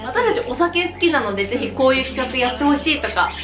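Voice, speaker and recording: A young woman chatting casually with friends in a playful, excitable, giggly manner during a group video. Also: high-pitched, quick pace, far from the mic. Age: young adult. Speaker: host of a group drinking-game video. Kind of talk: casual chat among friends. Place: small bare room indoors. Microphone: camera a few metres away. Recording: echoey room, off-mic, loud music. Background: loud music.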